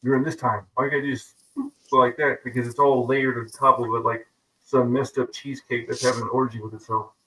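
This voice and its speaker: A man talking casually on a podcast, telling stories with animated asides and quick put-on voices. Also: mid-range voice, poor audio. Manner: animated storyteller, slips into voices of others.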